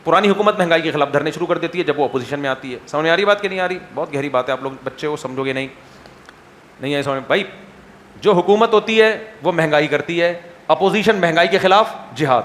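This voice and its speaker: Lively Urdu-speaking man answering questions. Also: high-pitched. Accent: Pakistani Urdu. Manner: lively, teasing, rhetorical questions. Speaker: Islamic scholar answering questions.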